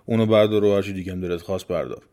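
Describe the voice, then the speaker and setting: A man voicing a gruff male demon from a folk tale, giving calm commands in a low, hushed voice. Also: close to an everyday voice.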